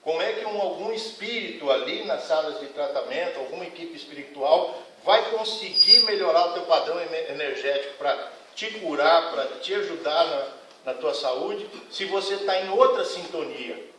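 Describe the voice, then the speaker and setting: Earnest male lecturer with a bit of a high voice, taking the room to task; recorded at a distance in a booming hall. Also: expressive, normal speed, bright, forceful tone, slight background noise. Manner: earnest, admonishing, frank. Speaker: spiritist lecturer. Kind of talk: lecture to a congregation. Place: lecture hall of a spiritist center. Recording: echoey hall, mic at a distance.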